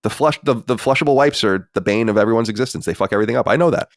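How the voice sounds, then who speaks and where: Speaking very fast in a lowish voice, a man in his forties co-hosts a podcast, recorded dry with clean studio sound. He chats casually, reads listener mail aloud, and answers bluntly, sighing and cursing along the way.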